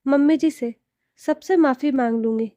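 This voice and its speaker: A spoiled young married daughter, as a woman reads her, pleading through tears. Her voice is high and slow with a mellow tone. This is a storybook reading. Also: no room sound, natural voice. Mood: tearful. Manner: pleading, tearful.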